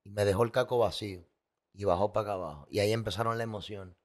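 A man's voice: lowish voice, fairly even intonation, quick pace. A man telling his personal story as a guest, candid and emotional, with vivid sound effects and repetition.

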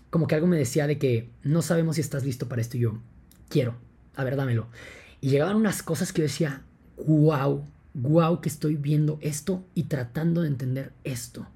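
Gravelly young Mexican man, rambling podcast. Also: on the high side, mellow. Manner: enthusiastic, rambling, many fillers like "entonces" and "o sea". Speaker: podcast host. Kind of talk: casual monologue to listeners.

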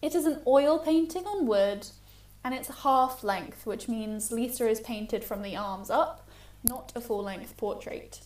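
A young woman co-hosts a podcast, chatting casually in a wry, easygoing way. Her voice is a little high, unhurried and a little mellow, recorded in an echoey room with faint music.

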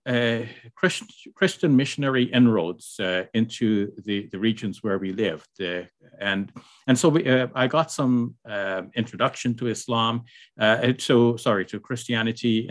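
An older scholar from Guyana, appearing as a guest, answers interview questions measuredly and hesitantly, using many fillers, in a voice on the low side.

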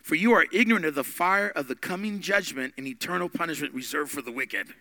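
A man voicing an aged male bishop, bold and unyielding, in slow, solemn declaiming. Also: fairly high pitch, pushed and bright, no room sound. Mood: defiant.

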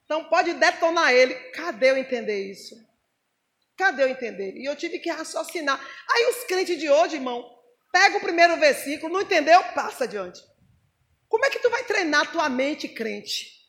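A woman preacher, telling a testimony in a lively, mocking way and acting out the voices she quotes. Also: sits high, normal speed. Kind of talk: sermon with testimony.

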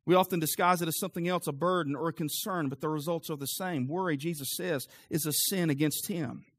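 A young adult man preaching a sermon in a church, moving from calm teaching to loud, fervent preaching. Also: fairly high pitch, brisk. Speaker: pastor.

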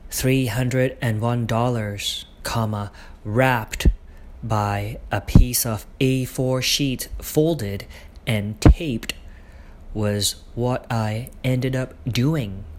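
A man dictating his own prose aloud, speaking every punctuation mark in a deliberate, halting way. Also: mid-range voice. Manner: slow, deliberate dictation with pauses.

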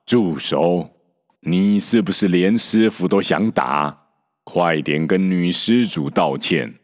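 A man voicing a gentle but stubborn old male monk in a storybook reading, measured and reproachful. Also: sits low, long reverb tail. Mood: scolding. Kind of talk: storybook character voice.

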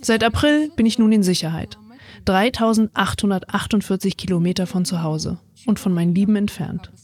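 A woman in her twenties from Ukraine, calmly reading her own first-person story in a reflective voice. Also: mid-range voice, a little fast. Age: 20s. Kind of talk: read first-person testimony.

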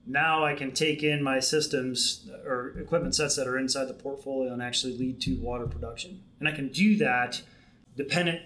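Middle-aged man, mid pitch, steady explainer with fillers, podcast guest. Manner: measured, explanatory, many restarts and fillers. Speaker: Marine Corps program manager, guest. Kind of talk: podcast interview.

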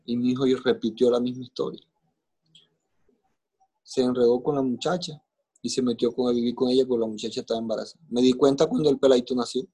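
A man's voice: medium pitch, fairly even intonation, fast talker, warm tone, husky. A middle-aged man with a Colombian accent tells his life story in an interview, emotional and plainspoken, with coarse slang and repeated phrases. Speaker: interview guest. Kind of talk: personal life story in casual conversation.

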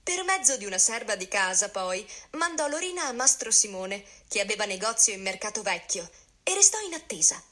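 A woman narrating a classic tale in a scripted reading, expressive and lively, shifting her voice for the characters. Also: medium pitch, brisk.

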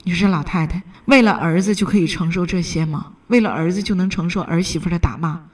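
A woman's voice: fairly low pitch, fast, a little mellow, recorded from a distance. A woman hosting a radio call-in show, giving blunt, indignant advice.

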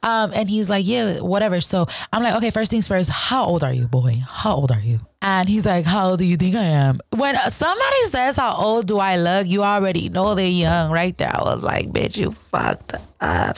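A woman's voice: lowish voice, big pitch swings, moderate pace, gravelly, dry recording, clean studio sound. A woman in her twenties hosting a podcast, telling stories in casual chat, laughing often, swearing freely and acting out quoted people. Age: 20s. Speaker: podcast host. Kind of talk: casual storytelling monologue.

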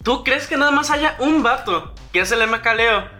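A Mexican man co-hosting a casual gaming chat, his voice pitched high and very bright. He rambles in heavy slang, stringing thoughts together with fillers. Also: normal speed, soft background music.

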